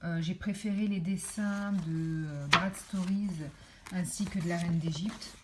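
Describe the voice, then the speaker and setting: A woman's voice: lowish voice, steady tone, measured pace, background noise. A woman reviewing books in a casual vlog, chatty and full of fillers as she shows pages to the camera. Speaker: book reviewer.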